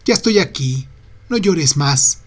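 A man's voice: on the high side, lively intonation, slow. A man reading aloud and voicing a tender, anxious young mother soothing her baby. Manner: soft, soothing.

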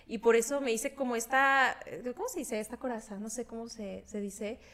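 Young woman, Mexican accent, higher voice, candid, animated, laughs while talking. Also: normal speed. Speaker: podcast host. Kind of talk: casual chat.

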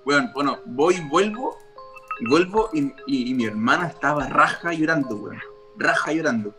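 Chilean dude telling a story, slangy, keeps restarting, kinda high voice. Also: male voice, animated, moderate pace, over music. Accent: Chilean Spanish. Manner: loose and slangy, restarts a lot. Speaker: podcast panelist. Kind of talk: casual storytelling among friends.

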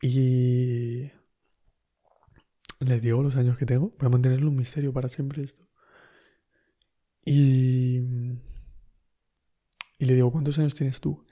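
Un hombre con acento de España que cuenta una anécdota en tono informal, relajado y con risas frecuentes. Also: male voice, medium pitch, flat delivery, slow, pauses often, mellow. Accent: Spain Spanish. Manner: laid-back anecdotal, laughs often, slangy. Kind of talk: casual storytelling.

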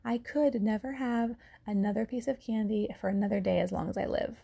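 Woman podcast host, 30s, husky with lots of fry, earnest and reflective, soft laughs. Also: mid-range voice, fairly even intonation, fairly quick. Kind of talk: casual solo podcast talk.

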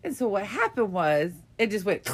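Frank, animated woman telling stories. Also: mid-range voice, normal speed, slightly rough. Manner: frank, profane, animated storytelling. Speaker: podcast co-host. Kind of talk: casual chat, storytelling.

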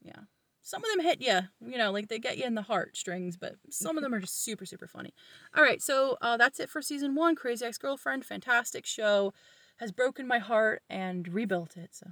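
A woman co-hosting a casual podcast, talking in a chatty, expressive, teasing way. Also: on the high side, a little fast, no echo, recorded from a distance. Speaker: podcast co-host. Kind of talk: casual chat.

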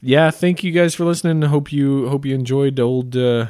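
A man's voice: mid-range voice, normal speed, mellow, no room sound, studio quality. A man co-hosting a podcast in casual comedic chat, setting up pun jokes dryly with hesitant fillers. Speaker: podcast co-host.

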